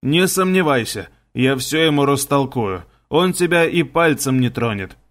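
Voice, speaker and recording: A man reading an audiobook and voicing a worried older male village commander, raising his voice higher and louder to plead. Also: expressive, unhurried. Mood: relieved.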